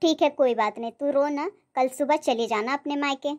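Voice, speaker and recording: A woman plays a gentle mother-in-law in a cartoon, middle-aged and kind. she asks caring questions in a soothing tone, and the voice sits fairly high. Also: normal speed, lightly acted. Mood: concerned. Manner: soothing, concerned.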